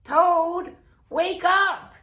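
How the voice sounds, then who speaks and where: A woman's voice: very high voice, steady tone, extremely slow, noisy background, pitched above the performer's own voice, exaggerated voice. A woman voicing a cheerful, encouraging male frog in a children's storybook, with a coaxing, exclamatory manner. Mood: eager, coaxing. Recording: roomy echo.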